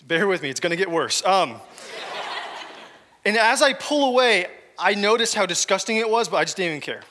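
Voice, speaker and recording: Male pastor, fairly high and bright voice, chatty sermon storytelling, long hall echo. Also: lively intonation, a little fast. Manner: conversational, joking asides to the congregation. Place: church hall with congregation.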